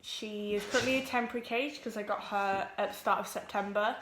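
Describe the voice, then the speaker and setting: A woman's voice: mid-range voice, steady tone, a bit bright, reverberant, slight background noise. Nervous teen girl vlogging. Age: teens. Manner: nervous, talks quickly with many ums. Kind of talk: casual vlog introduction. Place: home room with pets.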